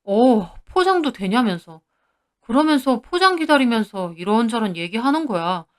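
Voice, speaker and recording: A man's voice: very high voice, very animated, moderate pace, clean tone. Woman voicing a whiny cheating husband, pleading. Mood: defensive. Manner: whiny, defensive excuses.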